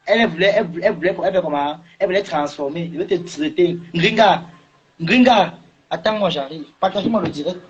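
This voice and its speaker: Guy mocking someone on a live, husky high voice, muffled lo-fi sound. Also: racing, few pauses. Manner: taunting, repeats questions, rising to shouts. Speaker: social media livestreamer. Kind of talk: mocking livestream rant.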